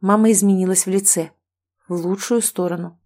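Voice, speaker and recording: A woman narrating an audiobook in the first person, with an even, dry reading manner. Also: mid-range voice, fairly quick.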